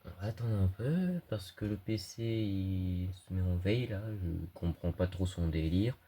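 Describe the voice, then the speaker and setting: With slight background noise, a young man speaks a little slowly in a low, dark voice with lively intonation. Congested from a cold, this hobbyist electronics YouTuber casually talks through a project on a screen recording, hesitating a lot and leaning on slang and fillers.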